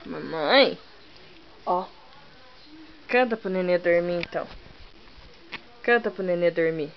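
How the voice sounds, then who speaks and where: A woman's voice: on the low side, takes it slowly. A mother coaxing her toddler at home in sing-song baby talk. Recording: dull lo-fi home recording with hiss.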